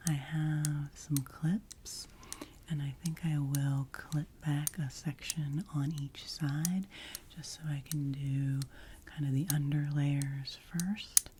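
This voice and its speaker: A woman doing a whispered role-play as a hairdresser in a soft, breathy ASMR whisper, soothing and gently repeating short phrases. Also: low voice, steady tone, slow pace, slight background noise. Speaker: ASMR creator playing a hairdresser.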